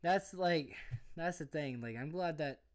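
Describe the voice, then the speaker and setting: A man's voice: on the high side, measured pace. A young man co-hosting a casual podcast, rambling and repeating himself. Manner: rambling, repeats himself, says "bro" and "you know what I mean". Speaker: podcast co-host. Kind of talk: casual drunken chat.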